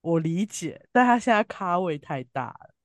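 A woman's voice: lowish voice, animated, moderate pace, no echo. A woman from southern Taiwan with a southern Taiwanese Mandarin accent, chatting casually and bluntly as a co-host with emphatic, colloquial opinions. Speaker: podcast co-host reviewing TV drama.

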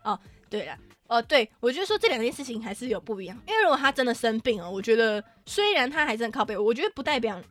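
Fast, lively Taiwanese woman storyteller. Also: fairly high pitch. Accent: Taiwanese Mandarin. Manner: animated storyteller, swears freely. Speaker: podcast co-host. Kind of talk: casual podcast chat.

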